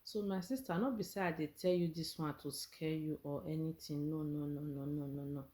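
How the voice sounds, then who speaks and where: A woman's voice: low-pitched, fairly even intonation, brisk, dark tone. A woman with a Nigerian accent chatting in Nigerian Pidgin as a vlogger, earnest and encouraging, often checking that listeners understand. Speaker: vlogger sharing her experience. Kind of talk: casual personal vlog in Nigerian Pidgin.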